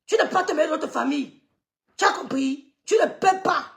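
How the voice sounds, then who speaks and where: Middle-aged woman with a high, gravelly voice, scolding in a live rant. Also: fairly quick. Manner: scolding, scornful, repeats dismissive sucks of the teeth. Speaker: social media gossip streamer. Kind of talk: heated live-stream rant.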